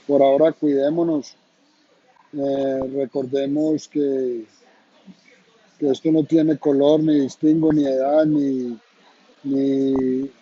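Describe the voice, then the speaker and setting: A middle-aged man from Colombia with a Colombian accent, hosting and talking to viewers in an earnest, measured way with hesitant pauses. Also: a little high, dark tone, breathy edge. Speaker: host. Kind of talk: casual talk to viewers. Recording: dull lo-fi sound.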